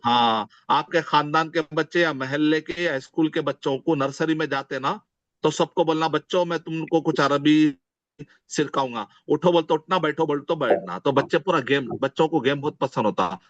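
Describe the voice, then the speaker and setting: A man's voice: a little high, no room sound. Man teaching Arabic in an online class. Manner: drills words slowly, repeating each several times. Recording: dull, dry online class audio.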